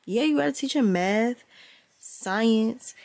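A young vlogger mom, born in New Orleans and raised in Atlanta, chats playfully with her camera and daughter in her bedroom, laughing often. Her Atlanta-accented voice is fairly high, slow, creaky and darkish, captured close up on a handheld camera.

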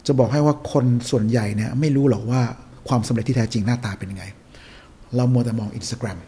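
A man guests on a podcast, giving emphatic, preachy motivational advice and hammering home his points by repeating them. His mid-range voice moves at a quick pace with a warm, slightly rough tone.

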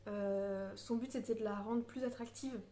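A woman's voice: medium pitch, fairly even intonation, moderate pace, warm tone, roomy sound. A woman reviewing a novel in a casual book vlog, hesitant and searching for her words, with many fillers and restarts. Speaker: book vlogger. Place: on a beach.

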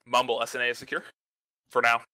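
Bright, flat-voiced man reporting in. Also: medium pitch, quick pace, a little hiss or hum, poor audio. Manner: brief, matter-of-fact replies. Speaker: squad leader in an online war game. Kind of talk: short voice-chat status reports.

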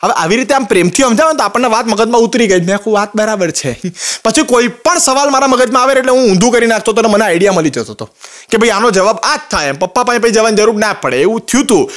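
High-voiced, fast-talking Gujarati comedian. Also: male voice. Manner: rapid, animated anecdotes with quoted dialogue. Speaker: stand-up comedian. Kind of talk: comic storytelling monologue.

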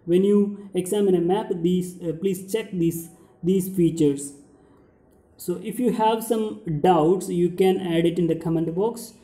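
A man's voice: high-pitched, steady tone, measured pace, dark tone. A young man lecturing as a teacher, explaining and rephrasing key points step by step over slides. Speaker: geography teacher. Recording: roomy indoor echo.

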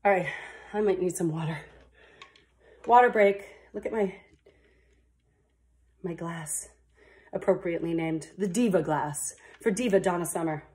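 A woman's voice: lowish voice, a little slow, long pauses, darkish tone. Woman dance instructor, counts steps in rhythm between chatty asides; roomy echo. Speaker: dance teacher. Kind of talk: counting through a dance combination. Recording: echoey room.

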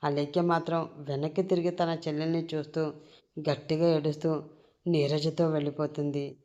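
Female narrator for a dramatic audio story, lower voice, warm and mellow. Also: little pitch movement, normal speed, lo-fi sound.

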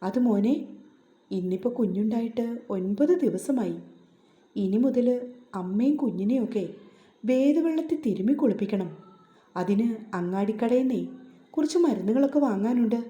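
A woman's voice: fairly high pitch, normal speed, pauses often, dark tone, dull audio, lightly acted. A woman reading as a practical older helper woman. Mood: instructive. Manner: explaining, matter-of-fact. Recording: roomy echo.

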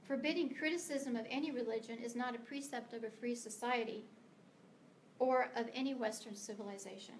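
A woman's voice: on the high side, fairly even intonation, a little fast, a little hiss or hum. Earnest middle-aged American woman speaker. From United States. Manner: earnest, emphatic, sometimes stumbling. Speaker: guest speaker, author. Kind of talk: prepared speech to a meeting. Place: meeting room of a library.

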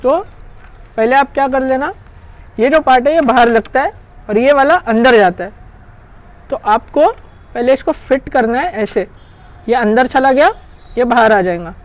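A gear reviewer with a high-pitched voice talks a little slowly and pauses often as she installs a product by hand. She's chatty and casual, explaining each step while she works.

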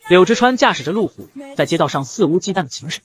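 A man tells a comic story at speed in scripted narration. His pitch swings a lot and sits a bit high, with a brisk, lively storyteller's drive.

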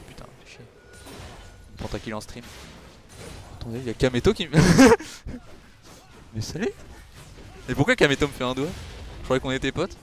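A man's voice: medium pitch, expressive, quick pace, pauses often, a bit bright, soft background music. Chatty young man streaming a game. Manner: chatty, teasing, answering chat. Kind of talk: casual gameplay commentary with chat.

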